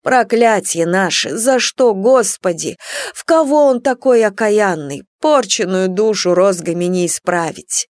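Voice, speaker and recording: A woman's voice: mid-range voice, measured pace, darkish tone, no echo, clean studio sound, natural voice. A woman voicing a despairing peasant mother in an audiobook, wailing and pleading. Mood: lamenting. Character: despairing peasant mother lamenting her son.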